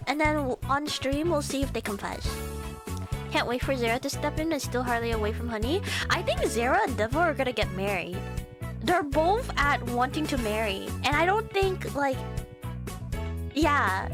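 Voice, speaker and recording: A woman chatting to viewers as a livestream host, with a cute, bubbly anime-streamer manner and a playful, rambling way of talking. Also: sits high. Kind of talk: livestream casual chat with viewers.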